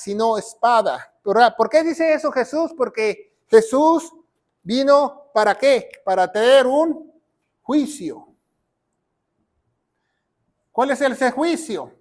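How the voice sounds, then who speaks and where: High-voiced pastor preaching. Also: male voice. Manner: asks rhetorical questions, reads Bible verses aloud. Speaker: pastor and Bible teacher. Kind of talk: sermon teaching.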